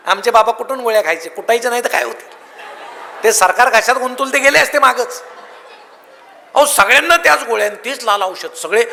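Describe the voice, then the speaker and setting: Male motivational speaker with a sharp, bright tone, full of lively storytelling, recorded in a big reverberant hall. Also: very high-pitched, slight background noise. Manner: lively storytelling with comic anecdotes. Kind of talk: humorous public speech.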